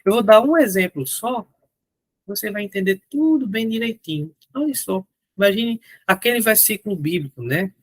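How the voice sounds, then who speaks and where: Male teacher, Brazilian accent, animated, answers his own questions, throat a bit strained, higher voice. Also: normal speed, dry recording. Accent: Brazilian Portuguese. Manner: animated, asks questions and answers them himself. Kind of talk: online grammar lesson.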